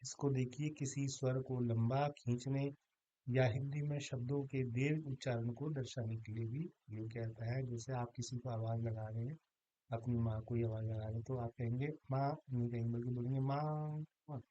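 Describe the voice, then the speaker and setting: A man's voice: medium pitch, little pitch movement, fairly quick, dark tone, lo-fi sound. A man teaching a grammar lesson, patiently stretching out sounds to demonstrate pronunciation.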